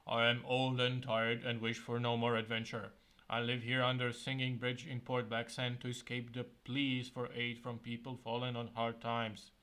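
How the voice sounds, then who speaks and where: A man reading as a calm, stern old wizard. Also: mid-range voice, clear, resonant tone, natural voice. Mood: calm, grave. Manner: calm, measured and solemn. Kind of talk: reading a gamebook aloud.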